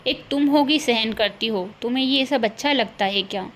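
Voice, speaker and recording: A woman's voice: on the high side, moderate pace, slight background noise, lightly acted. A woman voicing a sympathetic village neighbor in a cartoon, concerned and gossipy.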